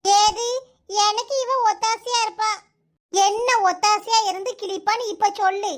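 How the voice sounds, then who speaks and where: A dramatic old village mother-in-law with a piercing, very high voice, as a woman acts her out in a cartoon. She scolds loudly and wails with self-pity, in a Kanyakumari Tamil accent. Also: steady tone, measured pace. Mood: scornful. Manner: loud, wailing and self-pitying. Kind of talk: cartoon voice acting.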